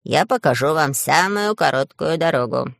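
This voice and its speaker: A grumpy little bearded forest gnome growls out his scolding in a very low, gravelly voice, as a woman puts him on. He sounds suspicious and cross, muttering his complaints. The storybook recording is close and dry. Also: lively intonation, moderate pace, no room sound. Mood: softened. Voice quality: low gruff grumbling.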